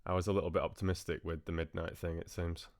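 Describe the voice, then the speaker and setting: A man with a low voice and flat, fast delivery, a little mellow, hosts a livestream. He chats with viewers in a friendly, hesitant way, trailing off into asides, and the studio-quality audio has no room sound.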